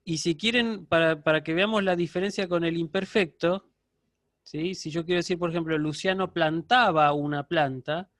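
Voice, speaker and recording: A man's voice: a little high, fairly even intonation, normal speed, fairly bright tone, no room sound, clean studio sound. A man giving a university lecture online, explaining step by step and checking in with his students. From Argentina.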